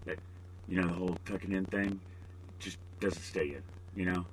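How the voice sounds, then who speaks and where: A man's voice: deep voice, steady tone, normal speed, a little hiss or hum, poor audio. A middle-aged man hosting a podcast alone, rambling with joking, self-deprecating asides. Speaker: podcast host. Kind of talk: casual solo podcast monologue.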